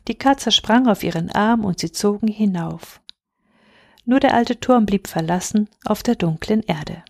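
A woman reading a fairy tale aloud in a calm, measured storytelling manner. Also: mid-range voice, creaky, no room sound, clean studio sound.

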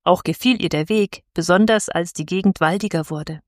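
A woman calmly reading a classic children's story aloud as narrator, in a measured storytelling manner. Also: on the low side, dry recording, clean studio sound.

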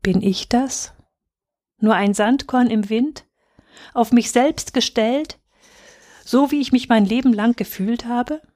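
Frightened little boy, soft and earnest, slow; a woman reads him in an audiobook. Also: fairly high pitch. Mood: despairing. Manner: soft, earnest inner pleading. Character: small frightened boy, fearful yet trusting.

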